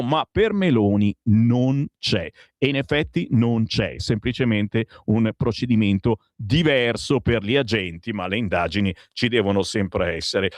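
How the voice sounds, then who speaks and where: A man's voice: dry recording, clean studio sound. A man hosting a radio press review, reading newspaper headlines with sardonic asides. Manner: lively, sardonic, swings pitch and pace for emphasis. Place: radio studio.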